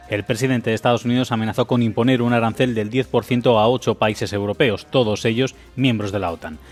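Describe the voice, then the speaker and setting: Man reading a news report. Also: mid-range voice. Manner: steady, formal news read. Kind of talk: news narration.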